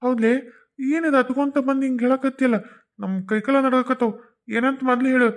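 A woman's voice: sits high, fairly even intonation, a little fast, lightly acted. A woman voicing a frantic young village man bringing bad news, with a North Karnataka Kannada accent. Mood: urgent. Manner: urgent, tearful pleading.

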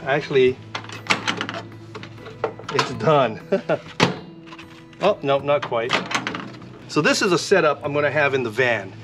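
A man vlogging a casual product demonstration, talking in a relaxed, rambling way with frequent fillers. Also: mid-range voice, takes it slowly, pauses often, over music. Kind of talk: casual product demo vlog.

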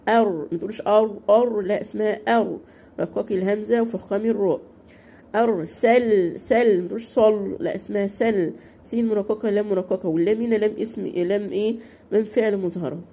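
A woman with an Egyptian Arabic accent teaching Quran recitation to beginners. She recites slowly and drawn out, then explains quickly, asking questions and answering them herself. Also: mid-range voice, steady tone, dark tone. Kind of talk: beginner tajweed lesson.

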